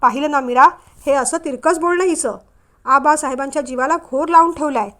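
A woman's voice: high voice, fairly quick. A woman voicing a stern, protective elder brother who speaks sharply. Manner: sharp, scolding.

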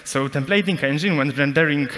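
A man's voice: fairly high pitch, fairly quick, a bit bright, a little hiss or hum. A young man with a Polish accent, a non-native English speaker, giving a technical conference talk on a large stage, explaining step by step with fillers and self-corrections. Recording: long hall reverb.

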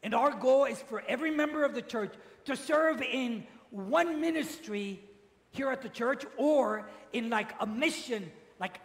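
A priest's extremely high, creaky voice carries a teaching sermon through a big church, where the congregation echoes his phrases back. The recording has the long reverb of an echoey church.

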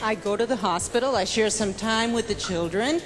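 A woman's voice: medium pitch, normal speed. A woman working as a live interpreter, relaying answers phrase by phrase. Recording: long hall reverb, music behind.

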